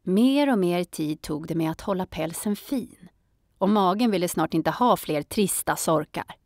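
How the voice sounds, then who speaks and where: Calm woman reading a children's story. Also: lowish voice, no echo, studio quality. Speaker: narrator. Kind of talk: children's audiobook narration.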